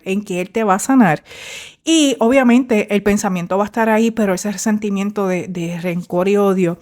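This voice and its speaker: A middle-aged woman, a former therapist hosting a faith-based motivational podcast in a warm, conversational way. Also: mid-range voice. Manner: warm, conversational, mixes English fillers into Spanish.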